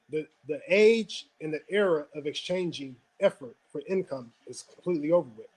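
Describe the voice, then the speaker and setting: A man hosting a motivational webinar, telling a story and often checking in with a quick "right?". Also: on the high side, a little mellow, husky, rough recording. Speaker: webinar host.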